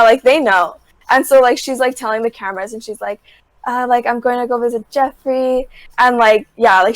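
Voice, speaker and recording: A woman's voice: on the high side, dry recording, rough recording. A young adult woman as a podcast guest, casually retelling scenes from a show with constant filler words. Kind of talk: casual chat.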